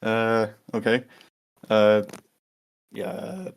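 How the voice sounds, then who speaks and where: A man's voice: fairly low pitch, expressive, very slow, vocal fry, clean tone. A man answering interview questions in a hesitant way, with many fillers and restarts. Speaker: guest.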